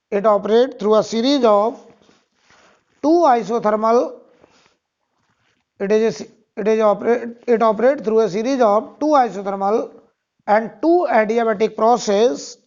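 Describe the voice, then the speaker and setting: A teacher with an Indian accent dictating lecture notes, repeating phrases slowly word by word. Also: mid-range voice, a little mellow. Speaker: physics teacher. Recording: dull, muffled lo-fi sound.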